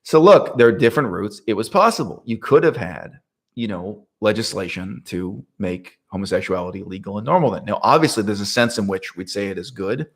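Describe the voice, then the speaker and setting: A man talking through a political topic in a casual monologue, rhetorical and animated, often checking in with "right?" and laughing mid-sentence. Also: fairly low pitch, a little fast, breathy edge. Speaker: political commentator.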